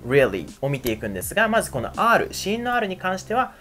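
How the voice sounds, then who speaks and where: Lively young man teaching pronunciation. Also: high-pitched, quick pace. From Japan. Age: 20s. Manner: energetic, chatty, repeatedly demonstrating sounds. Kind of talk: casual video lesson.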